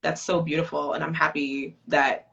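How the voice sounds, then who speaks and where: A woman guest on a group audio call, talking in a relaxed, reflective way. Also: low voice, normal speed, gravelly, lo-fi sound. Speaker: guest speaker.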